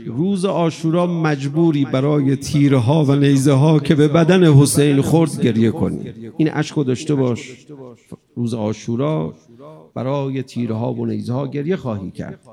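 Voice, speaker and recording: A man delivers an impassioned mourning sermon. His gravelly, dark-toned voice swings between hushed passages and loud ones, at a medium pitch. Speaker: preacher.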